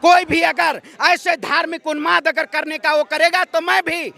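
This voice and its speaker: At an outdoor street protest, an activist man from Ayodhya in north India speaks in a very high, bright voice with vocal fry, little pitch movement, and a moderate pace. His impassioned interview is a combative, declamatory political speech heavy on rhetorical questions.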